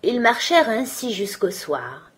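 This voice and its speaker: A woman storyteller reading a fairy tale aloud in a gentle, measured way. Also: fairly high pitch, sing-song, husky.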